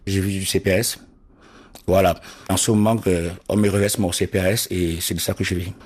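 A man from Cameroon tells his story in an interview. His voice sits low with a breathy, husky edge. He talks earnestly but haltingly, restarting phrases and repeating words. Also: steady tone, darkish tone. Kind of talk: interview testimony.

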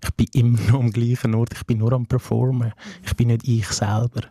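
A young man who grew up in Switzerland after coming from Afghanistan, speaking with a Swiss German accent as an interview guest, earnest and measured, often breaking in with "hey" asides. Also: medium pitch, flat delivery, warm tone, no echo, studio quality. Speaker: social worker, interview guest. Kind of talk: reflective interview talk.

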